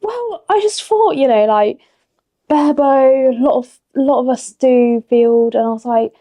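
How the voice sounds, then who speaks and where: A woman's voice: sits high, a little slow, dark tone. A woman in her twenties, a podcast guest chatting casually and giggling often. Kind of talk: casual chat.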